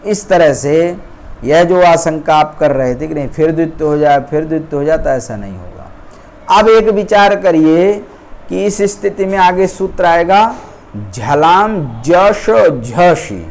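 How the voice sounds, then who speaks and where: Slow, deliberate male grammar teacher. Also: sits high, a little mellow. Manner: slow, deliberate, checks understanding often. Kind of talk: explaining grammar rules to students.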